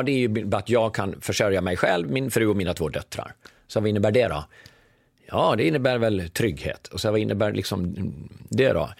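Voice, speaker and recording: A man's voice: on the low side, breathy edge, no echo, studio quality. A man in his fifties, a guest and former business consultant, telling a story in conversation and acting out the dialogue. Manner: animated, acts out quoted dialogue.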